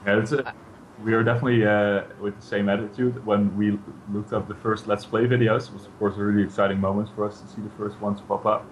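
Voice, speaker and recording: A very deep-voiced man answers interview questions as a game developer. He speaks cautiously, filling gaps with uh, and there is clear noise behind him. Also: little pitch movement, fast talker, rough recording. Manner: hesitant, many uh fillers, cautious. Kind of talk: casual interview chat.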